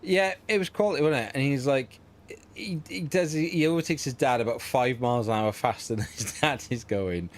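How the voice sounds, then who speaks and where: A man's voice: medium pitch, normal speed. A middle-aged man hosting a livestream from home, chatting in a rambling, easygoing way and laughing often. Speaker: livestream host. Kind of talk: casual livestream chat.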